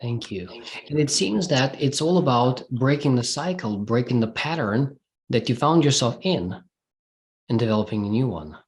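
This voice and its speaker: Male host, calm interviewer, mid-pitched voice. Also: normal speed.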